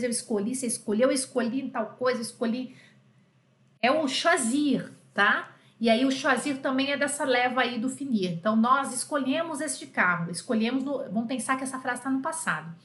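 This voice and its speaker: A woman's voice: high voice, fairly bright tone, reverberant. A woman from Brazil teaching French in a live online class, chatty and affectionate, often checking in with her students. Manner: chatty, affectionate diminutives, frequent "tá?" check-ins.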